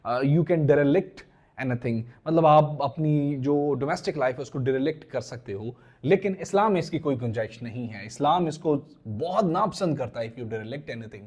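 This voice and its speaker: A man from Pakistan giving a vocabulary lecture, explaining English words in Urdu, spelling them out letter by letter and reading example sentences slowly. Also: mid-range voice, expressive, darkish tone.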